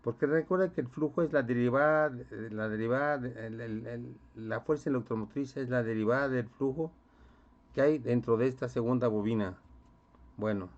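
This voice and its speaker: A man's voice: medium pitch, moderate pace. A man lecturing on physics to a class, often checking in with students and quizzing them. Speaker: physics teacher. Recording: dull lo-fi recording.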